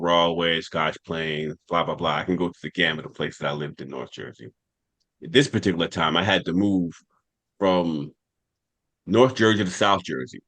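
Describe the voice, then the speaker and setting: Deep-voiced man telling a story. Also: fairly bright tone. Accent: New York. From United States. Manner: rambling personal anecdote. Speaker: podcast host. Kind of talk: casual storytelling.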